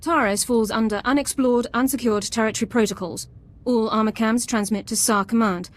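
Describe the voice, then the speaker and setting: Over background music, this game dialogue features an actress playing a formal, dutiful female sergeant who sticks strictly by the book. Her voice is a little high and a little fast, lightly acted with fairly even intonation, and her clipped military delivery carries a grave tone.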